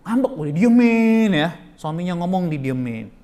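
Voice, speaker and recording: A male pastor preaching to his church, swinging from loud emphatic bursts to soft asides, telling jokey stories and calling out to the congregation. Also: high voice, sing-song, normal speed. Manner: jokey storytelling with chuckles, often calls out to the congregation. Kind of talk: sermon.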